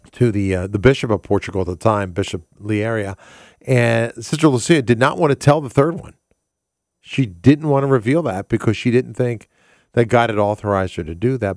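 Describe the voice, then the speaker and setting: A man's voice: lowish voice, darkish tone, no echo, studio quality. A man hosting a conversational radio show, often rephrasing himself and posing rhetorical questions. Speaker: radio host. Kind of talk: conversational talk radio presenting. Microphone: close studio microphone.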